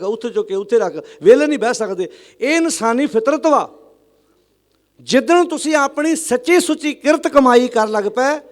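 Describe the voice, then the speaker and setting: A man delivers a sermon in a high voice to a congregation. He presses his points with rhetorical questions and calls on the listeners to answer aloud. He slows down to chant lines of scripture. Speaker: Sikh religious preacher.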